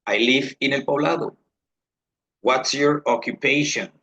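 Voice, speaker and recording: Husky, slow-spoken male teacher. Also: medium pitch, sharp tone. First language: Spanish. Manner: repeats phrases slowly, switching between English and Spanish. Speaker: English instructor. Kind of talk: online English lesson.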